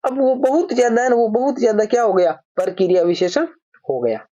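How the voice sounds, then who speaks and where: A woman teaching a grammar lesson at a measured, repetitive pace, posing a question and then answering it herself. Her voice is mellow and dark, and she slows down to read each example sentence. The recording sounds a little dull and lo-fi. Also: fairly high pitch. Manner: explains by repeating each point as a question and answer; reads example sentences slowly, addresses viewers as brother.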